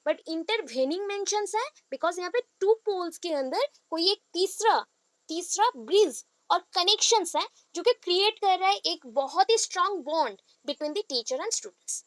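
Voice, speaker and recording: A woman teacher from India lectures in a high, bright voice. She switches between Hindi and English and keeps asking her listeners questions. The recording is close and dry. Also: no echo. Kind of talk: explanatory classroom lecture.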